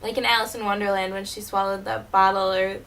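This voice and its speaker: A woman playing a wounded, wry teenage girl who was once a child stage performer, delivering a dramatic monologue in a bitter, halting way. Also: medium pitch, flat delivery, fairly bright tone, lightly acted, low-quality recording. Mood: hurt, bitter. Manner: bitter, hurt, halting with repeated words.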